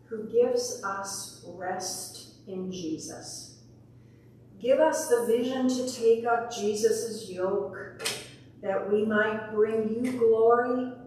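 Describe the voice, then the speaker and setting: A woman leading the congregation in a creed and prayers at a pulpit microphone in a church, in a measured, prayerful way. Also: medium pitch, darkish tone, distant mic, a little hiss or hum. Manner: measured, prayerful recitation with a repeated call of "Hear us, O God". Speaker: worship leader. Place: large church sanctuary. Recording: very echoey church, voice well off the mic.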